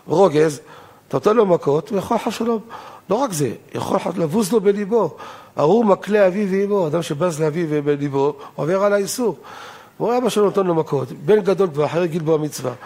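A man's voice: on the high side, darkish tone. An older man, a rabbi, giving a Torah law lesson in an emphatic lecturing manner, asking rhetorical questions and raising his voice on key points.

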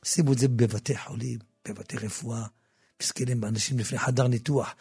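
A man preaches with a gravelly, husky voice, dropping to a low murmur and then rising to loud, emphatic bursts. He restarts and repeats words as he goes. The studio sound is dry and close, with faint music underneath. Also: fairly even intonation, dry recording. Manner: frequent repetitions and restarts. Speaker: religious teacher. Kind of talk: impassioned religious talk with book promotion.

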